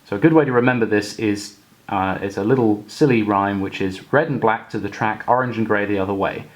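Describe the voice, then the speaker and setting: A man's voice: fairly low pitch, a little fast. A young man casually explaining a step-by-step hobby tutorial, with many fillers and restarts. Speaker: model railway hobbyist tutor.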